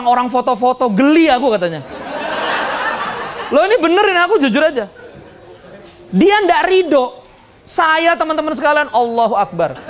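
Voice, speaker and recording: A man giving a lively, joking seminar talk on business and addressing the audience directly. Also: extremely high pitch, a little hiss or hum. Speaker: business speaker and motivational trainer.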